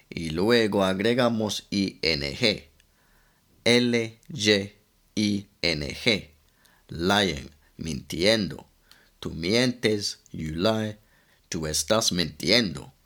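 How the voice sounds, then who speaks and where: Slow, deep-voiced man teaching English grammar. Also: fairly bright tone. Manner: slow, methodical, spells out letters one by one. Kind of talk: scripted grammar lesson.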